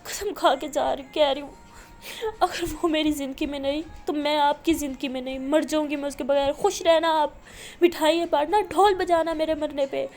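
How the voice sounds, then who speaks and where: Brief: desperate pleading young woman in love, tearful and insistent, high and gravelly, read by a woman narrator. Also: fairly even intonation, faint music behind. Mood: furious shouting. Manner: tearful, begging, repeating please.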